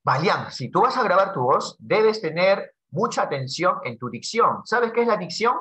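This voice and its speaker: A man's voice: high-pitched, sing-song, normal speed, bright, forceful tone. A man with a Peruvian accent teaching a casual lesson, joking with a student and tagging his sentences with little questions. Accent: Peruvian Spanish. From Peru. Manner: chatty, jokey, peppers lines with tag questions. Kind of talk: casual classroom lesson dialogue. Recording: dull lo-fi audio.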